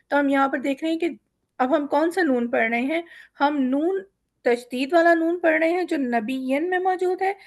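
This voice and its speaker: A woman teaching a Quran reading lesson, explaining rules step by step and slowly drawing out example words for students to repeat. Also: high voice. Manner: mixes English words into her speech.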